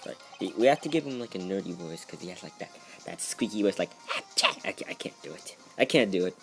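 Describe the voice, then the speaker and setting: A man commenting casually on a video game playthrough, tossing in jokes and offhand asides. His pitch swings widely from one line to the next. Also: expressive, fast, faint music behind. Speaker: let's play commentator.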